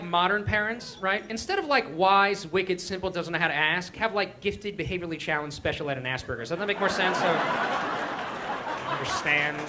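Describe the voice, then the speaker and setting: A young man from Israel performing a stand-up set with quick, animated crowd work and mock voices, on a live stage. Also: high voice. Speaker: stand-up comedian. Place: live comedy stage before an audience. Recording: live room with faint crowd noise.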